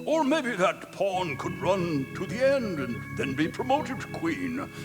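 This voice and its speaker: A man's voice: high-pitched, big pitch swings, slow, pitched above the performer's own voice, exaggerated voice. A man voicing a flustered, genteel, pompous chess king in a comic musical story. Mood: nervously serene. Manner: muttering, dithering, genteel. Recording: loud music underneath.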